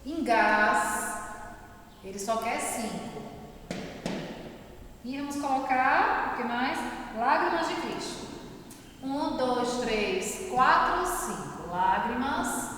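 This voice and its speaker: A woman's voice: on the high side, lively intonation, slow pace, pauses often, noisy background. A woman teacher giving a classroom lesson, patiently asking the class many questions. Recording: very echoey room with long reverb.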